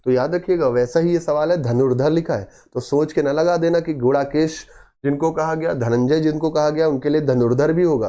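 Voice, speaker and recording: A man's voice: a little high, warm tone. Man quizzing and answering himself. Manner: emphatic, repeats key words. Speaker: exam prep teacher. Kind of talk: Hindi grammar lesson.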